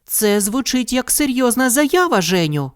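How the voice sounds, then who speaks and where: A woman voicing a bubbly, sunny little girl in a storybook reading, gushing and excited. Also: fairly high pitch, moderate pace, smooth, dry recording, clean studio sound, voice pushed up. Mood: tender.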